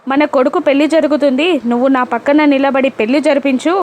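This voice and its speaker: A woman's voice: sits high, steady tone, brisk, darkish tone, natural voice. A woman reading as a bitter, accusing wife. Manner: confrontational, demanding. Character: wronged middle-aged wife, bitter and accusing.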